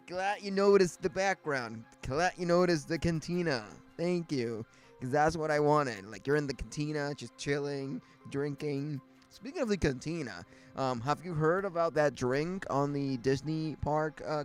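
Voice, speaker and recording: Male host, casual chat, ordinary mid pitch; rambles and restarts, light music under him. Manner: rambling, many fillers and restarts. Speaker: livestream host. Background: faint music.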